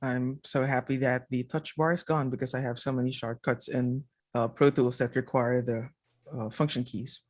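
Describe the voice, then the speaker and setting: A man with a middle-pitched voice gives conversational technical explanations as a panelist. The recording is dry and close. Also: little pitch movement, normal speed, dry recording. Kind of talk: explaining technical audio details.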